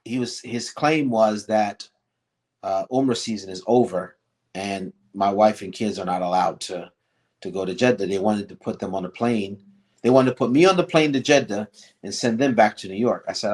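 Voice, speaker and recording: A middle-aged man with a somewhat low voice recounts an old travel story in a relaxed interview. He talks loosely, circling back with restarts and fillers, and perks up whenever he quotes someone. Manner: rambling, many restarts and fillers, animated when quoting others. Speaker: guest.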